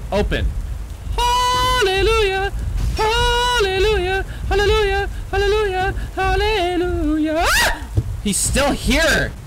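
A man's voice: a little high, noisy background. A young man narrating a horror game to his audience, jumpy and swearing, talking to himself and yelping in fright. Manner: jumpy, swearing, talks to himself, panicky yelps. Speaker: gaming YouTuber. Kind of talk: horror game let's play commentary.

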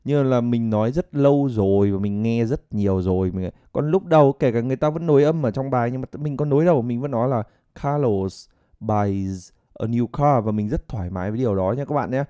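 A man from Vietnam teaching English pronunciation in a casual online lesson, coaxing his viewers and modelling English phrases slowly. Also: medium pitch, expressive, dark tone, smooth, no room sound. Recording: dull, slightly lo-fi sound.

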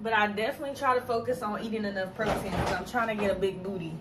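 A woman's voice: mid-range voice, fairly even intonation, racing. A young woman chatting casually to her camera as a vlogger, playful and self-mocking. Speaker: vlogger and TV anchor. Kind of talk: casual vlog chat. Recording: noticeable background noise.

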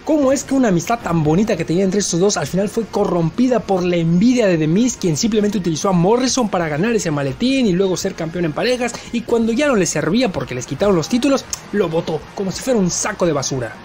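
Excitable high-voiced male game commentator. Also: slight background noise. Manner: excited, quick shouts at big moves. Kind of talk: play-by-play wrestling commentary.

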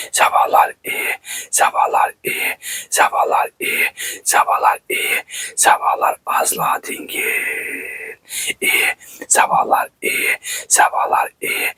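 A man whispering ASMR in a hushed, soothing way, quiet at night, repeating short phrases like a soft chant. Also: slow. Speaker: host of an ASMR channel.

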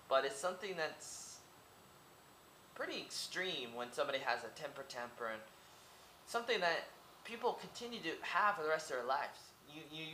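Talking casually into a webcam at close range, a young man from Oregon in the United States vlogs from a small room, repeating himself and throwing out rhetorical questions. His voice is a little high, bright and forceful. There's a roomy quality and some slight hiss or hum.

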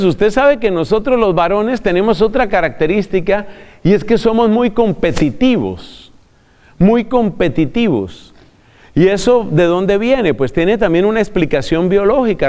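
Male preacher, high-pitched, chatty, direct address, reverberant room. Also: a little mellow. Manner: conversational, addresses listener directly, chuckles at own asides. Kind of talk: recorded religious talk.

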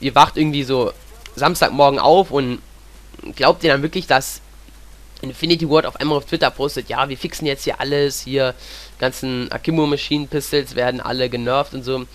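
A young man with a cold provides casual gaming commentary at a normal speed, his mid-range voice holding a fairly even intonation. He's talkative and rambling, using "ja" as a frequent filler.

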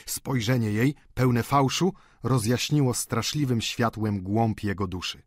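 A man narrating a classic novel audiobook in a measured, expressive storytelling manner on a close mic. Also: mid-range voice, dry recording.

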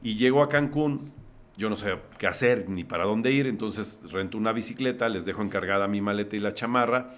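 A man's voice: fairly low pitch, brisk. A man from Puebla with a Mexican accent, a podcast guest vividly recounting a personal story step by step.

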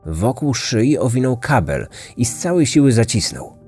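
A man reading a scripted true-crime story in a measured, dramatic way. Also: medium pitch, sing-song, a little mellow, husky, soft background music. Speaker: podcast narrator.

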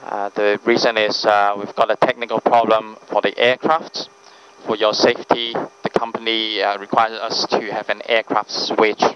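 A man speaks as an airline first officer in a low, very even voice. His announcement is formal and halting, heard over a muffled cabin PA. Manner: hesitant, formal. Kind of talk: flight deck announcement to passengers. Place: aircraft PA from the flight deck. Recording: muffled cockpit PA with cabin hum.

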